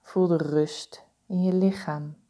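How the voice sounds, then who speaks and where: Pitched fairly low, a woman's voice takes the listener through a guided body scan. She pauses often, keeping each instruction calm, soothing and unhurried.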